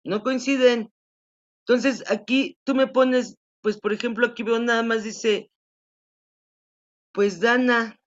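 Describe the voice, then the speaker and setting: A woman teacher patiently explaining class rules to students during an online class, repeating points to make them clear. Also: on the high side, steady tone, takes it slowly, long pauses. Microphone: video call. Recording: dull lo-fi video call audio.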